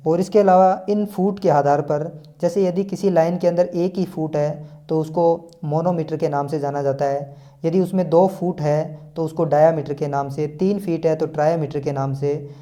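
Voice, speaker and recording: A man who teaches English, explaining a lesson patiently, repeating himself and filling pauses often. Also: fairly high pitch, steady tone, warm tone. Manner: patient, repetitive explaining with frequent fillers.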